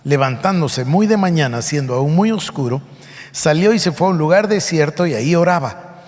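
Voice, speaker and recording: Male pastor, emphatic sermon, fairly high voice, reverberant church hall. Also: animated, moderate pace, a little mellow. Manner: emphatic preaching, reading scripture aloud and explaining it.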